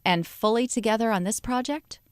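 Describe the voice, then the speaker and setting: A woman's voice: on the high side, a little fast, dry recording, studio quality. A woman hosting a public radio interview in a conversational manner. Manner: public radio host delivery.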